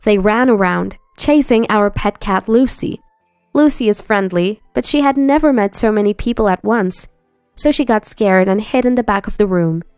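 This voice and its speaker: A woman tells a first-person story in an even, scripted narration. Her voice is smooth and clear at a middle pitch, recorded dry and close. Faint music plays behind her. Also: normal speed, no echo.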